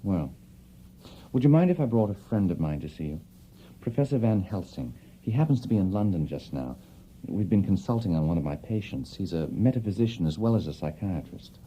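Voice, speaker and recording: An actor playing a concerned Victorian male doctor in an audio drama, measured, professional and solicitous. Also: low-pitched, lively intonation, warm tone. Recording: muffled recording with faint noise.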